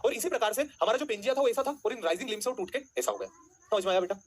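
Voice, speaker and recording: Guy teacher, fast and bouncy, slightly husky voice, keeps asking the class stuff then answers it. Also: sits high. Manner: asks students questions then answers them himself; calls students beta, jokingly threatens them. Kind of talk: online class lecture.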